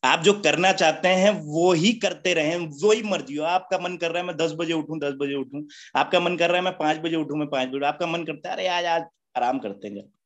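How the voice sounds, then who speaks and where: Higher-voiced man giving a motivational talk. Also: fairly quick, fairly bright tone. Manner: rhetorical questions with a constant "है ना?" tag; chatty, joking, laughs at his own points. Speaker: motivational speaker at a business meeting. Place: business meeting with an audience.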